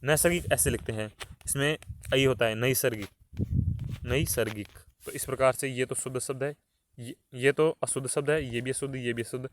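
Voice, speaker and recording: A man's voice: mid-range voice, fairly even intonation, brisk, a little hiss or hum. Man teaching with rhetorical questions. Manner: explains step by step with many rhetorical questions. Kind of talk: solving a test in an online class.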